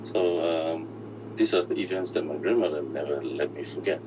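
A man whose voice has been disguised and pitched deep, telling his own story in an interview, halting and often restarting his words. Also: background noise. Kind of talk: personal account in an interview.

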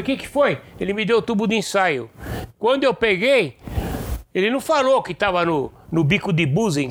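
A man's voice: high voice, gravelly, a little hiss or hum. An older man casually telling bawdy school stories to his son, acting out the voices of the people in them. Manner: animated, bawdy, acts out voices in anecdotes. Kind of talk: casual storytelling.

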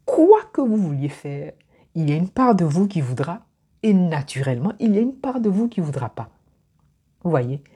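Speaking straight to the camera, this Ivorian woman delivers a thoughtful motivational talk about personal growth. Her low, husky, mellow voice swings widely in pitch at a normal pace, and she tends to repeat words as she thinks.

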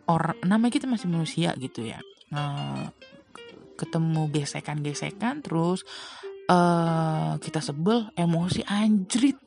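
A woman's voice: low voice, animated, unhurried, vocal fry, darkish tone. A young woman giving casual, slangy advice in a chatty monologue full of rhetorical questions. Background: faint guitar music.

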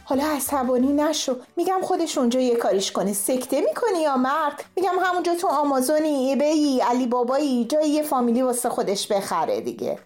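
A woman's voice: high-pitched, animated, hardly any pauses, darkish tone, soft background music. A woman playing a fussing middle-aged wife and mother in a comic radio sketch, placating and doting. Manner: placating, fussy.

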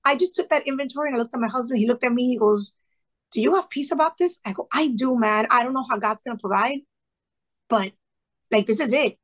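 Quick and on the high side, this woman in her thirties tells her story earnestly during an interview. She used to teach in a classroom, comes from a Cuban family background, and brings the people she quotes to life in animated asides.

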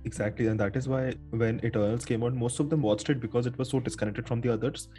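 A man's voice: mid-range voice, fairly even intonation, fast, warm tone, faint music behind. A man with an Indian accent hosting a podcast in casual, informal chat, now and then slipping between English and Hindi. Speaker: podcast host.

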